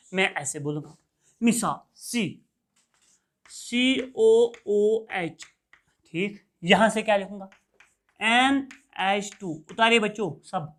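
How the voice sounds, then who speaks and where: A man's voice: sits high, fairly bright tone. A male teacher giving a classroom chemistry lecture, quizzing his students in a call-and-response rhythm and answering his own questions. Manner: repeats key terms in a call-and-response rhythm.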